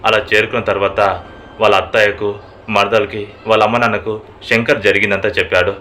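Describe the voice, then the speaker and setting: A male storyteller narrates a horror tale. His voice sits low but carries a bright, forceful edge. The delivery is dramatic and steady throughout. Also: a little fast, a little hiss or hum.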